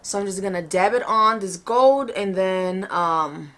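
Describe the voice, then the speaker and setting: A woman's voice: medium pitch, unhurried, a bit bright. A woman talking informally through a get-ready-with-me makeup tutorial, thinking aloud as she goes. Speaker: makeup vlogger.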